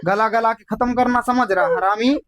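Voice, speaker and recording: A man's voice: extremely high pitch, moderate pace, crowd noise. A man, acting as a faith healer, harshly interrogating and scolding during an exorcism. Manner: harsh, scolding, barks demands. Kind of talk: commanding interrogation.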